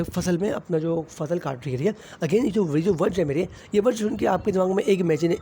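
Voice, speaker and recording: Fast-talking Pakistani Urdu teacher, high gravelly. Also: male voice, mellow, a little hiss or hum. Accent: Pakistani Urdu, mixing in English terms. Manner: addresses students as beta, repeats "theek hai" often. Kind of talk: classroom explanation.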